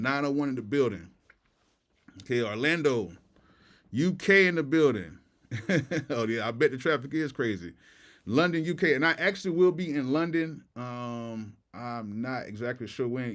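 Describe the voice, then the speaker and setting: An American man from Florida hosting a casual livestream, talking with retainers in his mouth, using slang and repeating his greetings and phrases. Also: fairly low pitch. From Tampa, Florida. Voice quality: slightly off articulation from wearing retainers. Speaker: livestream host and music producer.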